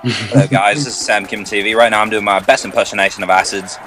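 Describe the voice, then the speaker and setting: A man's voice: fairly low pitch, fairly even intonation, normal speed, crowd noise, natural voice. Young man putting on a posh British bloke. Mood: mock posh.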